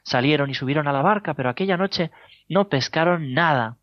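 A man with a Spain Spanish accent preaching a sermon as a priest, telling stories with gentle humor and chuckles. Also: a little high, fairly quick, no echo. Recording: dull lo-fi dry sound.

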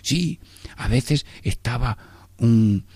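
A man's voice: mid-range voice, expressive, very slow, mellow, slightly rough, dry recording. A male priest giving a prayerful sermon, often speaking directly to God as a meditation.

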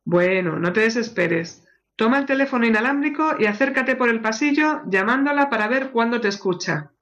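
A woman voicing a patient family doctor who gives measured instructions in a radio joke. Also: on the high side, expressive, fairly bright tone. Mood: calm.

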